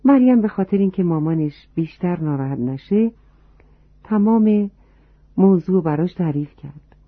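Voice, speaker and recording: With a mid-range voice, a storyteller warmly addresses children directly while telling a storybook tale. The sound is dry and tinny, much like a phone recording.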